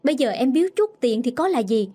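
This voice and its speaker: A woman's voice: on the high side, normal speed, husky. A woman voicing a young husband who speaks firmly and sharply to his sister, in a storybook reading. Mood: firm, angry. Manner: firm, pleading then sharp.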